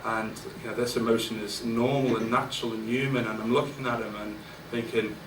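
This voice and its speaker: Brisk and medium-pitched with fairly even intonation, a man in his forties serves as guest speaker at a business event, talking to the audience candidly and informally with frequent fillers and restarts. He's in a large event room. The roomy, distant-mic recording carries faint ambience and background noise.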